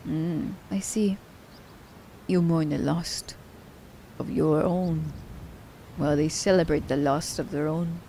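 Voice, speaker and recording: In an intimate ASMR roleplay audio drama, a woman plays a sly, haughty immortal assassin, teasing in a theatrical, old-fashioned, storybook-formal way with a scheming, disdainful mood. Her lowish, mellow voice carries lots of fry and a breathy edge, holding a steady tone at a slow pace with long pauses. The recording is rough, with slight background noise.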